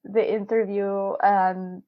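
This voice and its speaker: Speaking slowly in a flat, medium-pitched voice, a non-native English-speaking woman in her twenties chats as a PhD interviewee on a video call. She laughs often and restarts frequently, with many fillers. There's no room sound, just dull, dry call audio.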